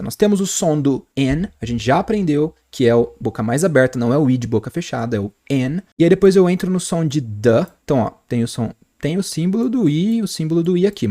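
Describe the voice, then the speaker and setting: A man with a Brazilian accent, an English teacher in his thirties giving a lively online lesson and spelling out sounds slowly. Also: fairly high pitch. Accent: Brazilian Portuguese.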